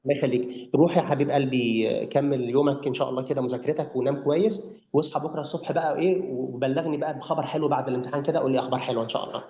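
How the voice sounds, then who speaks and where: A man's voice: medium pitch, steady tone, racing, warm tone. A male teacher with an Egyptian Arabic accent leads a live lesson, repeating words over and over for his students. The recording is roomy and muffled. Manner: drills pronunciation, repeats words for learners. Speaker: language teacher.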